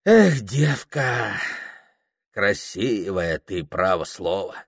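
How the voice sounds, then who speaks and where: A man's voice: lowish voice, lively intonation, very slow, husky, no room sound, studio quality, exaggerated voice. A man voicing a grumbling older village cook who scolds in a folksy, sighing way. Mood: folksy scolding.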